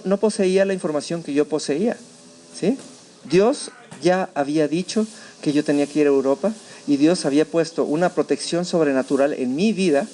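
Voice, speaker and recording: Male Mexican pastor, high register, animated storyteller who acts out his own shouts. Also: slight background noise. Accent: Mexican Spanish. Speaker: preacher. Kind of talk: sermon testimony. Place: church.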